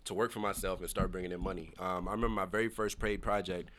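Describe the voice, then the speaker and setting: Young man from Nigeria, low and fast, upbeat podcast guest recounting his start. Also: steady tone, fairly bright tone, slight background noise. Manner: upbeat, storytelling with frequent fillers. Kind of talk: casual podcast interview.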